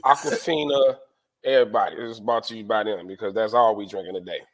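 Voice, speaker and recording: Dude co-hosting a podcast, kinda low voice, laid out casual buddy talk. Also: male voice, fairly even intonation, quick pace, over a noisy crowd, poor audio. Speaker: podcast co-host. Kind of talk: casual chat among friends.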